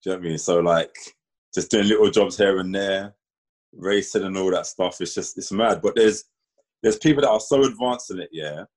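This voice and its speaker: Casting: male, London roadman accent, low slightly rough voice, slangy storyteller among mates. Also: moderate pace. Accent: London roadman, multicultural urban slang. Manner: slangy, animated storytelling with 'bro' and 'man'. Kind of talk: casual group chat.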